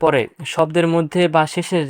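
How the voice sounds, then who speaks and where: Clear-voiced male Bangla tutor. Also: a little high, little pitch movement, moderate pace, no room sound, studio quality. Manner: explains patiently, repeats each example word twice; addresses students directly, stresses what is important. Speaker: teacher. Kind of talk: exam-prep lesson on Bangla pronunciation.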